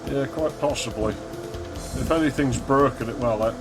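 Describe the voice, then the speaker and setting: Man, casual playthrough commentary, understated musing manner, loud game music underneath. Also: medium pitch, normal speed. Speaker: gaming video host. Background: game music and sound effects.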